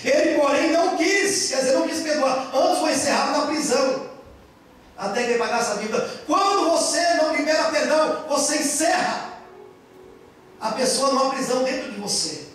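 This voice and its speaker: A man preaching a sermon as pastor, impassioned, swinging between loud and soft. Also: very high voice, normal speed, slight background noise. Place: church hall in Japan. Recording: very echoey church hall, far from mic, faint music.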